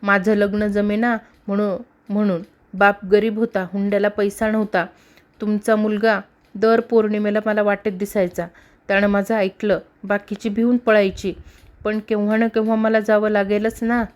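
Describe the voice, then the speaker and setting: A woman's voice: mid-range voice, level tone, moderate pace, close to an everyday voice. A woman voicing a young female ghost who has lived as a loyal wife, speaking in a pleading, aggrieved way.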